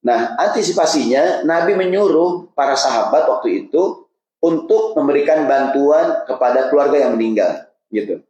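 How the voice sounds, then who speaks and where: A man's voice: fairly high pitch, animated, moderate pace, dark tone. A man preaching a casual, humorous sermon, joking and asking the audience questions. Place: mosque hall. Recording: roomy mosque echo.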